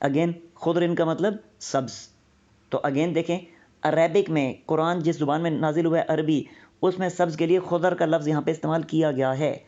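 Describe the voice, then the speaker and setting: Guy lecturing over a screen share, kinda high mellow voice, explains step by step, repeats stuff, dull lo-fi audio. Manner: explains step by step, repeats key words, slows to recite verses. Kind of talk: screen-share lecture walking through an app.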